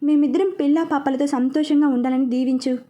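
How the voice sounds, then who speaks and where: Woman reading as a gentle young husband. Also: high-pitched, steady tone, a little fast, natural voice. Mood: earnest. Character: calm devoted young husband.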